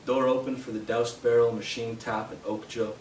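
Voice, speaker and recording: A young man from Canada giving a live poetry reading in a bookshop, hesitant with fillers between poems and steady in his verse. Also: medium pitch, moderate pace. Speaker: poet. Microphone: distant from the mic. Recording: roomy, distant, noisy live room sound.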